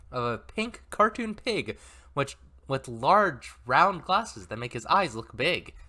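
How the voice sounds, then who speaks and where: Chatty male reader with asides and self-corrections, animated pitch. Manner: chatty, self-correcting, laughs at own mistakes. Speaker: story reader and commentator. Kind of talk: reading an interactive novel aloud with asides.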